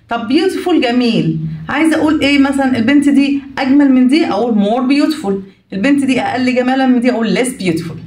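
A woman's voice: on the high side, a little mellow. A woman teacher with an Egyptian accent explaining a grammar lesson patiently, asking questions and answering them herself. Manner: patient, asks and answers her own questions. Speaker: English teacher. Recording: roomy echo, mic at a distance.

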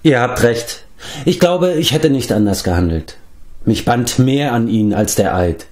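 A man's voice: mid-range voice, animated, a little slow, darkish tone, close to an everyday voice. Man doing a loyal young pig-keeper lad, earnest and heartfelt, storybook reading. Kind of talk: audiobook reading.

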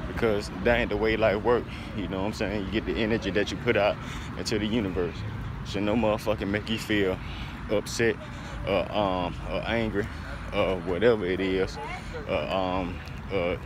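A man's voice: on the low side, fairly even intonation, moderate pace. A young American man talking bluntly and emphatically in a casual, slangy, profane vlog, recorded on a phone while walking outdoors. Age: young adult. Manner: blunt, emphatic, repeating catchphrases. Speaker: vlogger. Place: outdoors, walking along a street. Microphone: phone held at arm's length. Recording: noisy outdoor recording with traffic.

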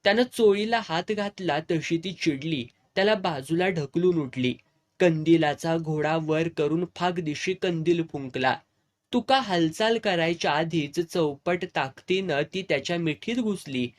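A man narrating a serialized novel in a steady storytelling manner. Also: fairly high pitch, unhurried.

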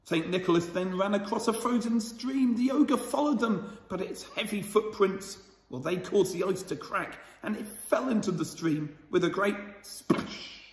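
Storyteller, gentle and chatty with children; somewhat high voice; roomy sound with a long reverb. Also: male voice, moderate pace. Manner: gentle, chatty, asks the listeners questions. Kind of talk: reading a picture book aloud to children.

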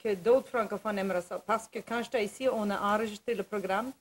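A woman's voice: mid-range voice, fast, slight background noise, rough recording. A woman from Canada with a Canadian French accent, chatting as a guest singer and laughing often. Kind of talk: casual chat.

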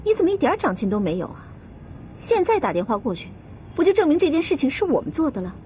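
A woman's voice: sits high, sing-song, quick pace, warm tone, a little hiss or hum. An actress playing a condescending, calculating young woman in a TV drama. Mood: scornful, calculating.

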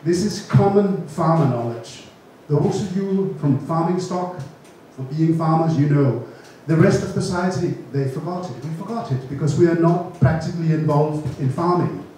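With a Danish accent and a dark-toned but fairly high voice, a middle-aged gene bank speaker gives an informal seminar on a handheld mic to a seated audience in a large room, often correcting himself. He talks at normal speed with few pauses, recorded from far away in an echoey space with slight background noise.

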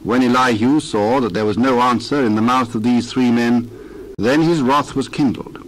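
A man narrating a dramatized scripture reading in a measured, formal storytelling manner. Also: mid-range voice, slight background noise, low-quality recording.

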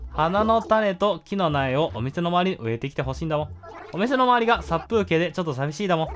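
A man's voice: on the high side, a bit bright. A man voicing a chatty, bossy but kind raccoon shopkeeper in a sing-song way.

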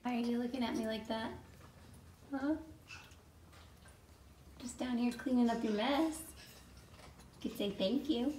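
Filming herself indoors at arm's length, a young vlogger and pet sitter talks cheerfully to her animals. Her slightly high, mellow voice moves unhurriedly with long pauses, over a faint hiss or hum.

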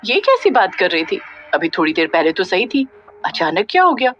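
A woman's voice: medium pitch, sing-song, normal speed, a bit bright. A woman narrator voicing Tara, a good-natured young woman who keeps asking bewildered questions. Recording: dull lo-fi audio with faint music.

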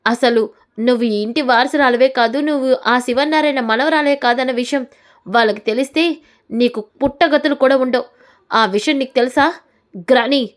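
A woman's voice: a little high, close to an everyday voice. Woman voicing a furious scheming grandmother. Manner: scolding, accusing. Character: scheming furious old grandmother, sharp-tongued.

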